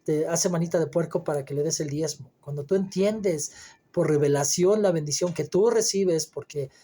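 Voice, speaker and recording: A man's voice: on the high side, normal speed, dark tone, slightly rough. A man giving a Bible commentary sermon, preaching emphatically in a conversational way with frequent fillers and restarts.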